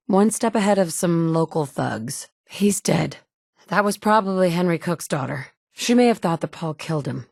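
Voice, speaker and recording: Here the actress behind the game's player character, a resolute young mother tracking down her abducted son, uses a medium pitch with vocal fry and a darkish tone. Her dialogue lines are dry, blunt, occasionally sarcastic, recorded with no room sound.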